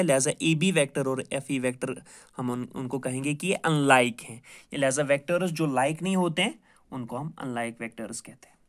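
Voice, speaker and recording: A male math teacher giving a recorded lecture, repeating each point patiently, asking himself questions and answering them, with English math terms mixed in. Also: a little high.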